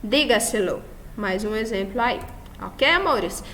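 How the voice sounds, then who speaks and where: A woman's voice: on the high side, expressive, measured pace, a little hiss or hum. A Brazilian woman, a Spanish teacher, giving a recorded lesson, checking in with her students and stressing each example word. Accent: Brazilian Portuguese. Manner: affectionate, checks in often with the class; stresses example words loudly.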